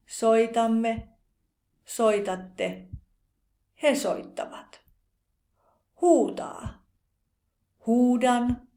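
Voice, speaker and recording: A woman teaching a language lesson, slowly and deliberately pronouncing verb forms one by one in a scripted grammar drill. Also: fairly high pitch, darkish tone.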